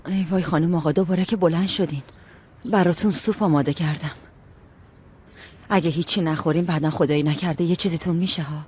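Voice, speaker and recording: A woman's voice: lowish voice, steady tone, darkish tone, slightly rough. An actress voicing a kind, anxious household maid who fusses over her mistress in a dubbed TV drama. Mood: fussing.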